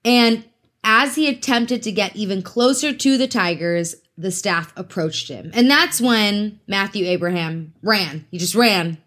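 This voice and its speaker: A South African woman hosts a casual true crime podcast, chatting and giggling with teasing asides. Her medium-pitched voice is fairly bright, and she keeps a measured pace.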